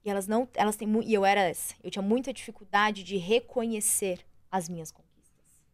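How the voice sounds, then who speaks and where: A woman coach chatting as a podcast guest, animated and expressive, often acting out her own inner voice. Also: medium pitch, brisk. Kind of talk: casual interview chat.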